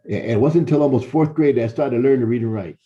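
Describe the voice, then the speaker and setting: This university professor from Chicago, Illinois, a middle-aged man with a warm, medium-pitched voice, talks fast as he tells students his life story. His delivery is conversational and direct, full of repeated words and restarts, captured on a dull lo-fi recording.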